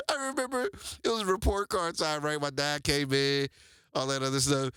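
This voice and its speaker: A man's voice: on the high side, normal speed, pushed and bright, clean tone, no room sound, studio quality. A man in his forties, host of the show, telling stories from his life casually to listeners, with loose slangy speech and frequent laughter. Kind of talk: casual storytelling to an audience.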